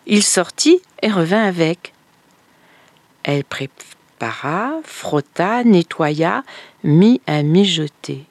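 A woman telling a folktale in a slow, expressive storytelling manner. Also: lowish voice, no room sound. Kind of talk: folktale narration.

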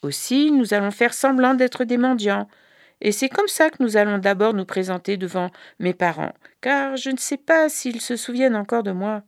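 A woman's voice: fairly high pitch, moderate pace, no echo, studio quality, pitched above the performer's own voice, close to an everyday voice. A woman voicing a humble mother disguised as a beggar, speaking in a plaintive, pleading voice. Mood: persuasive.

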